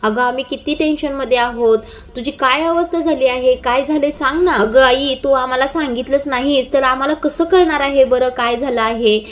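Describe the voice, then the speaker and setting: A woman's voice: high voice, moderate pace, lightly acted. A woman voicing a worried young daughter begging her mother for answers, in a plain reading voice. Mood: pleading. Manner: pleading, insistent.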